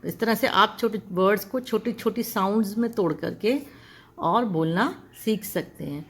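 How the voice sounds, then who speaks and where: A woman's voice: mid-range voice, unhurried, breathy edge. A woman teaching an English lesson, spelling words out letter by letter and drawing out each sound. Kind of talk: classroom-style language lesson.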